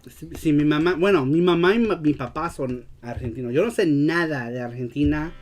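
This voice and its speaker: A man's voice: a little high, normal speed. Hesitant man, Mexican-style Spanish, second language. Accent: Mexican-style Spanish, learned as a second language. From United States, grew up in Los Angeles. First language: English. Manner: hesitant, searching for words, slangy. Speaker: show host. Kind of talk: casual live-stream chat.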